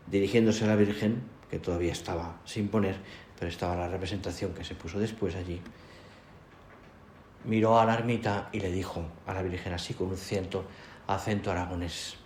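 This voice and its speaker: A man giving a sermon as a priest, pausing often, repeating words and adding tag questions. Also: fairly low pitch, darkish tone. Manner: halting, repeats words, frequent "¿eh?" tags. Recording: echoey room, faint ambience.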